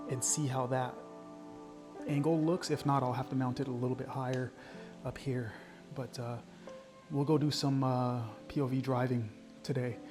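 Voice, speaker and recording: Male car vlogger, medium pitch, easygoing off-the-cuff chat, clear music bed behind the voice. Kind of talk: casual vlog chat.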